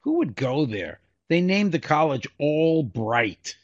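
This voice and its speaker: A man's voice: on the high side, big pitch swings, slow, dry recording. A man co-hosting a comedy podcast, cracking jokes and laughing at his own puns. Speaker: podcast co-host. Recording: dull lo-fi podcast audio.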